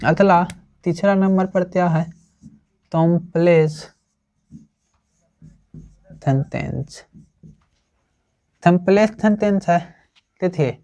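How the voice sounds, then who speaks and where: A teacher giving a grammar lesson, explaining slowly and checking in with the class after almost every phrase. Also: medium pitch, a little mellow. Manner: slow, repetitive, checks with "ठीक है ना?" often.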